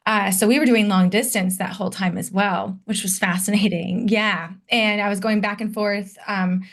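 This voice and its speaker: A woman in her late thirties from Detroit, United States, speaks as a podcast guest in a conversational interview. Her medium-pitched voice has fairly even intonation and a moderate pace as she candidly reflects on her past through personal storytelling.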